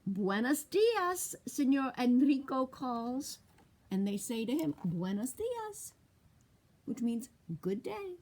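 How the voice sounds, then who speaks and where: A woman's voice: high-pitched, slow pace. A woman librarian reading a picture book aloud to young children, asking them questions as she goes. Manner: animated, asks children questions. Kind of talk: storytime read-aloud.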